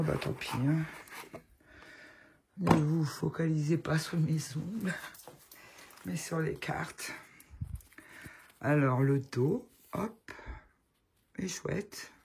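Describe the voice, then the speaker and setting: Slow, gravelly-voiced woman with a cold. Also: low voice, darkish tone. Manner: chatty, fond, gushing over the items. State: has a cold, voice affected. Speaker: tarot channel host. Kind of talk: casual show-and-tell chat to viewers. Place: at home.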